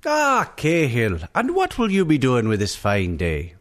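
Eager naive Irish monk, Irish accent, lilting comic storyteller, wildly swooping pitch. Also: male voice, huge pitch swings, unhurried, a bit bright. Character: two eager, naive early medieval Irish monks chatting.

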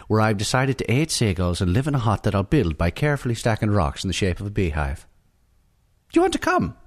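A man's voice: medium pitch, natural voice. A man voicing eager, naive medieval Irish monks with an Irish accent, in lilting comic storytelling banter.

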